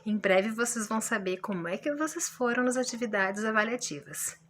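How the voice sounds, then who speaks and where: A woman's voice: fairly high pitch, brisk, noisy background. Brazilian woman teaching punctuation to kids. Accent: Brazilian Portuguese. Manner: friendly, exaggerated intonation, frequent "tá?" checks. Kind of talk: remote grammar lesson for schoolchildren.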